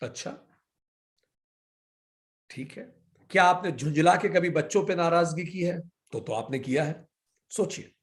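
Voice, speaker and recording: A man's voice: fairly high pitch, unhurried, pauses often. A man giving a spiritual lecture as a yoga philosophy teacher, firing rhetorical questions and mixing English words into his talk. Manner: asks rhetorical questions, then answers them himself; mixes English words into Hindi.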